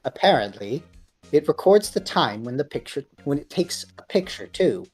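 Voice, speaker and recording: A woman voicing a gruff old studio security guard with a drawling, slangy, gangster-ish way of talking. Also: sits low, big pitch swings, normal speed, a little mellow, faint music behind. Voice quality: strained, gravelly put-on voice.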